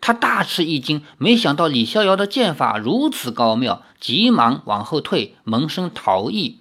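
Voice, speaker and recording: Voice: mid-range voice, big pitch swings, normal speed, a bit bright. A storyteller reading a novel aloud in a chatty retelling style, dropping filler particles between phrases. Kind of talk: audiobook narration.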